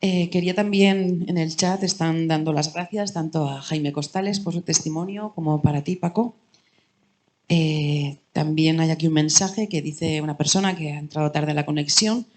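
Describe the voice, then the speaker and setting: Low-voiced woman moderating an online talk. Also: moderate pace, a little mellow. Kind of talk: relaying audience chat messages.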